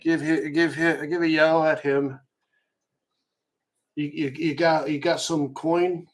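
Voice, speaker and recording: A man's voice: fairly high pitch, flat delivery, slow. A man voices a tipsy drifter in a tabletop game. He stammers and repeats himself as he wheedles for coin for another drink, in a voice close to the man's own. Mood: wheedling. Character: boozy male drifter cadging coin for drink.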